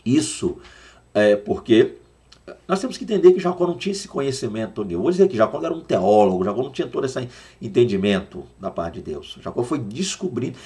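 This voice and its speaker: Leading a Sunday school Bible class, a Brazilian man with a Brazilian Portuguese accent speaks quickly at a medium pitch, his warm voice taking on a sing-song lilt. He takes his time explaining terms and says them over and over to drill how they're pronounced.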